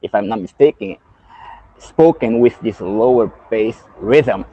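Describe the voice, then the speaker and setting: A man's voice: on the low side, measured pace, husky, no room sound, phone-quality sound. A man from Brazil with a Brazilian accent, a native Portuguese speaker learning English, chatting hesitantly in a casual lesson. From Salvador, Brazil.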